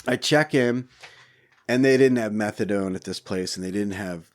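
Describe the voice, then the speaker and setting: Man, middle-aged, low voice, animated storyteller, acts out quotes, swears a lot, podcast guest. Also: normal speed. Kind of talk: casual storytelling interview.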